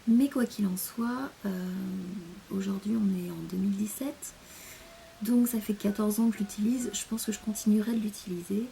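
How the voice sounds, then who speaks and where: A woman's voice: medium pitch, fairly even intonation, moderate pace, gravelly, dark tone, slight background noise. A young French woman chatting in a casual rambling monologue, hesitant, with many fillers, often sinking to a near-whisper. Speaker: vlogger.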